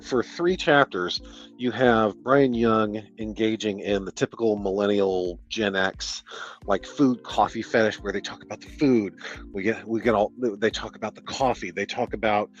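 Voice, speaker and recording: A low-voiced Detroit-area man with a Midwestern American accent reviews a novel on a livestream, keeping it casual and sarcastic. He swears and laughs as he goes. The sound quality is lo-fi.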